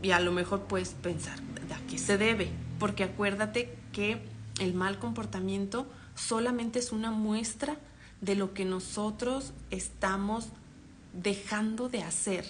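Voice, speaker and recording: A woman psychologist with a Mexican accent, giving an online parenting workshop, explaining calmly and acting out example dialogues. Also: medium pitch, slight background noise.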